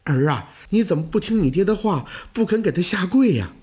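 A man's voice: high voice, expressive, fairly quick, darkish tone, breathy edge, pitched above the performer's own voice. A man voicing a tender, worried farm wife, pleading with her son in a slightly raised voice.

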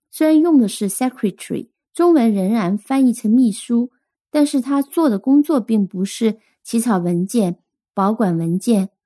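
A Chinese-speaking woman teaching English vocabulary, explaining word origins and slowly spelling out letters and pronunciation. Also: medium pitch, mellow, no room sound, clean studio sound. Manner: slow, careful spelling and pronunciation drills. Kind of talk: scripted vocabulary lesson.

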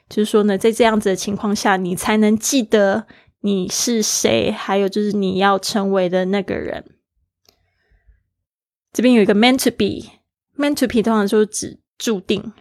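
A woman's voice: medium pitch, steady tone, measured pace, darkish tone, no room sound, clean studio sound. A woman teaching an English lesson, explaining words and spelling them letter by letter, switching often between her own language and English.

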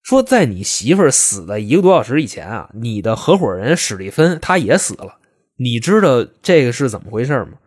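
A man's voice: medium pitch, sing-song, brisk, husky, no room sound, studio quality. A man voicing a blunt, impatient police detective who grills a suspect with sarcastic questions. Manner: scolding, sarcastic, pressing questions.

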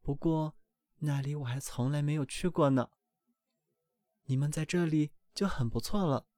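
A man putting on a high, fussing mother duck. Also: normal speed, no echo, studio quality, lightly acted. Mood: fretting. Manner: high, excited and scolding. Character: fussy, doting mother duck hatching eggs. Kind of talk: storybook reading.

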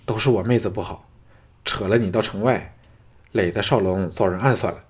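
A man's voice: lowish voice, normal speed, close to an everyday voice. A man voicing a talkative young male noble in an audiobook, earnest and worried as he speaks. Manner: worried and candid.

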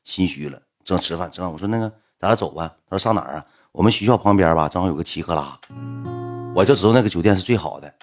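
Fast-talking Northeastern Mandarin man. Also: low-pitched, lively intonation, soft background music. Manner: colloquial and blunt, swears, acts out both sides of dialogue. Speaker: storyteller. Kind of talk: casual spoken storytelling to an audience.

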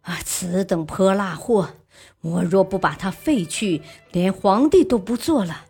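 A woman voicing a weak, quick-tempered young emperor who vows indignantly. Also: medium pitch, darkish tone, breathy edge, soft background music. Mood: angry. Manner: indignant, vowing. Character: weak young emperor, man, easily angered.

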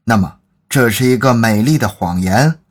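Lively, husky male storyteller. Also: mid-range voice, moderate pace. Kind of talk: storytelling podcast narration.

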